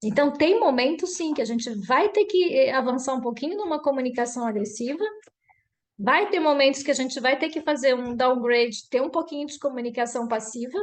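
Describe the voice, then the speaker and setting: A woman mentoring a group online, lively and explaining with acted-out examples over a video call. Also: high voice, brisk. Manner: lively, acts out example dialogues. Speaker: workshop mentor.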